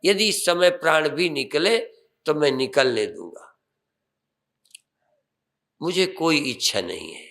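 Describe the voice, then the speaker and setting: An older man, a swami, giving a sermon and guiding a meditation with calm instructions and rising emphatic phrases. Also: on the high side, takes it slowly, gravelly, long pauses.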